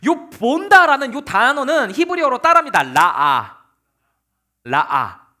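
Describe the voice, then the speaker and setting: A young man, a youth pastor, giving a casual, animated sermon to teenagers and acting out the psalmist's words. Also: extremely high pitch, a little fast. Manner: talks to teens informally, calls them kids.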